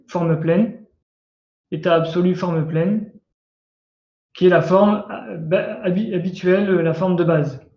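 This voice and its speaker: A man with a high voice teaches grammar patiently, pausing and restarting his sentences as he explains. The recording sounds dull and lo-fi, with a roomy echo around him. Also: darkish tone. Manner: patient, hesitant, many fillers and restarts. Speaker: Coptic language teacher.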